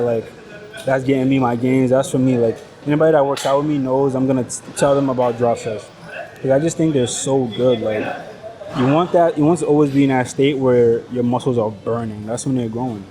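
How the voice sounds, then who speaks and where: Recorded roughly on a clip-on body mic, a fitness vlogger from Nigeria talks in a mid-range voice with a Nigerian accent, English being his second language. He chats to the camera mid-workout with slang, jokes and some profanity, while chatter fills the busy indoor gym behind him.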